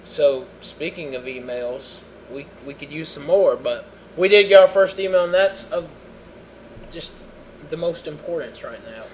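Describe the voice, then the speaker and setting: A young man with a slightly raised pitch co-hosts a casual podcast. He has the hiccups and talks in a rambling, jokey way, full of restarts. A faint air-conditioner hum sits behind his voice. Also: a little slow, rough recording. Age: young adult. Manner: rambling, self-interrupting, jokey. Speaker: podcast co-host.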